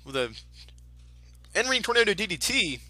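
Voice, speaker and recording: A man works as a lucha libre announcer, commentating off the cuff in an excitable manner. His voice is very bright and forceful, pitched high for a man. The sound is dry and close, with little room on it. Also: moderate pace, no room sound. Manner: excitable announcer, exclaiming at moves. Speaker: wrestling commentator.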